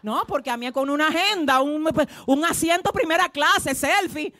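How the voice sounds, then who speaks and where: A woman pastor preaching a sermon, calling on the congregation to repeat after her and swinging between hushed asides and loud proclamations. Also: sits high, normal speed, no room sound. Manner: preaching with call-and-response to the congregation.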